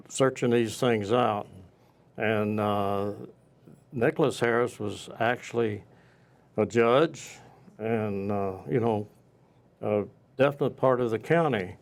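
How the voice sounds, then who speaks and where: Speaking in a mid-range voice, this local historian is an interview guest who recalls the past without a script, halting and stopping partway through sentences.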